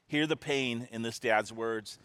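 A man's voice: mid-range voice, unhurried, a bit bright, clear, resonant tone, no room sound. A man preaching a sermon as a pastor, earnest, often restarting and repeating his words.

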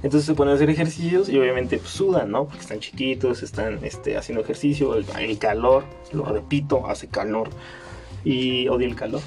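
Chatty young Mexican man, mellow voice. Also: mid-range voice, brisk, soft background music. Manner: chatty, laughs often, many fillers. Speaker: podcast host. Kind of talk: casual storytelling.

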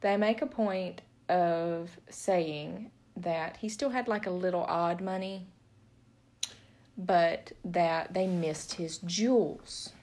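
A woman's voice: lowish voice, steady tone, slow pace, a little mellow. A woman co-hosting a podcast, chatting casually about a book, joking and laughing often. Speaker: podcast co-host. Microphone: podcast mic.

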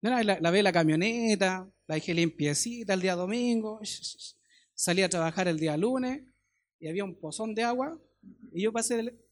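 A middle-aged man with a Chilean accent, preaching a sermon in a conversational way with homely stories and quick questions to his listeners. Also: sits high.

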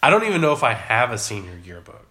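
A man's voice: medium pitch, sing-song, fast, sharp tone, roomy sound. A man co-hosting a podcast in casual chat, laid-back and hesitant, often trailing off mid-thought. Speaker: podcast co-host.

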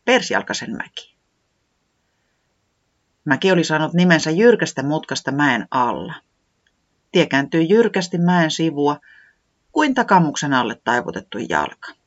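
A narrator reading a children's storybook aloud in an expressive, sing-song manner. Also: medium pitch. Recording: dull lo-fi sound.

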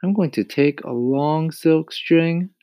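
A man voicing a calm, resourceful young boy in a storybook reading, earnestly explaining a plan. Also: on the high side, takes it slowly, dry recording, studio quality, pitched above the performer's own voice.

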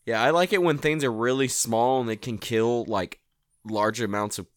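A man's voice: mid-range voice, normal speed, no room sound, studio quality. A young man co-hosting a casual podcast, joking, swearing and laughing often. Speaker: podcast co-host. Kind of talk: casual chat.

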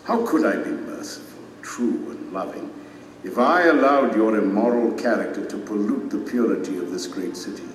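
A man's voice: fairly low pitch, close to an everyday voice. Man acting solemn, majestic king in a vast hall. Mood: commanding, grave. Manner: solemn, declamatory, deliberate. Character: majestic stern king and divine judge pronouncing sentence. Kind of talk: audio drama acting. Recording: echoey reverberant hall, distant, music underneath. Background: dramatic music.

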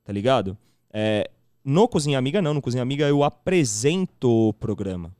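A man's voice: mid-range voice, brisk, no room sound, clean studio sound. A man in his thirties, a chef, telling a story, acting out the voices he quotes. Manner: animated, acts out quoted dialogue with slangy fillers. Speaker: chef and TV cooking show host, podcast guest. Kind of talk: casual storytelling chat.

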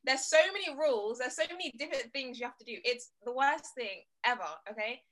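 A young woman with a British accent talks in a fairly high, bright and forceful voice. She is casual but emphatic, repeating phrases to drive her point home. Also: fast, slight background noise. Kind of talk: casual group discussion.

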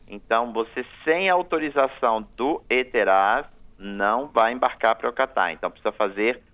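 A man's voice: mid-range voice, moderate pace. A man, a guest on a radio talk show, giving firm, repetitive explanations of travel rules. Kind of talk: radio interview. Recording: tinny phone line on radio.

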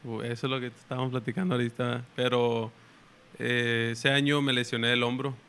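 A young man with a Mexican Spanish accent, a pitcher telling a story in relaxed, slangy chat. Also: a little fast, clear, resonant tone. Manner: relaxed, slangy, retells his own and coaches' words. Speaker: guest baseball pitcher.

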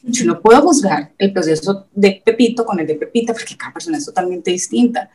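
A woman's voice: medium pitch, expressive, a little fast, darkish tone, recorded from a distance, low-quality recording. A woman in her thirties tells a personal faith testimony in an interview, speaking earnestly and emotionally, often acting out what she and others said. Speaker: interview guest.

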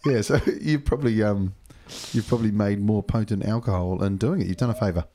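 A man's voice: on the low side, a little fast, dark tone. A man co-hosting a podcast, teasing his friends and laughing through casual banter. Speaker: podcast co-host. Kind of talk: casual chat.

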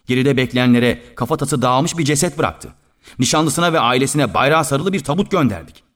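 A man's voice: medium pitch, a little fast, a bit bright, pitched above the performer's own voice, lightly acted. A man voicing a stern army major. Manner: stern, preaching rebuke.

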